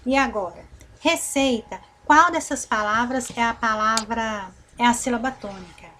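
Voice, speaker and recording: A Brazilian schoolteacher, a woman with a slightly high voice, walks her class through a lesson, drawing out each syllable and checking in again and again. The recording carries a faint hiss. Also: pushed and bright. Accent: Brazilian Portuguese. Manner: slow, drawn-out repetition of syllables, frequent "né?" and "tá certo?" check-ins. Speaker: teacher. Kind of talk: recorded online grammar lesson.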